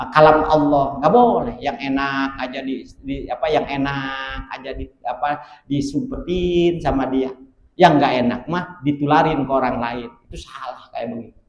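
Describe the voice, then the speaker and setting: Preacher, male, high voice, lively storyteller, roomy echo. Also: dull audio. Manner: animated, shouts and voices characters in stories. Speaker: Islamic preacher. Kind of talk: sermon with acted storytelling.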